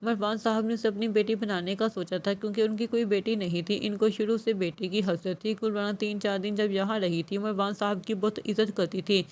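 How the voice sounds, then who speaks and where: A woman's voice: medium pitch, fairly even intonation, hardly any pauses, darkish tone. Woman reading a novel aloud. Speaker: novel reader. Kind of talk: scripted audiobook narration.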